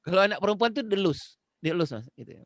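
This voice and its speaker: A man's voice: high-pitched, big pitch swings, fast, a bit bright, dry recording, clean studio sound. A man from Indonesia giving a conversational parenting talk on a video call, earnest, repeating phrases and speaking straight to his listener. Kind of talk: conversational lecture.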